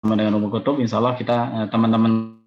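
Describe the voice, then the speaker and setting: A man giving a formal opening speech as a local village head, halting and full of filler sounds. His voice comes through a dull, lo-fi video call. The audio keeps breaking up and cutting out. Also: lowish voice, level tone. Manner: hesitant, many filler sounds and restarts. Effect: audio breaking up over a video call.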